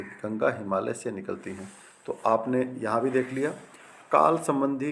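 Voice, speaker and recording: A man's voice: medium pitch, a little hiss or hum. A man teaching a Hindi grammar lesson, reading each wrong sentence and then its correction, often checking with "right?". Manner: repeats each example twice, wrong form then correct, with frequent "ठीक है ना" checks.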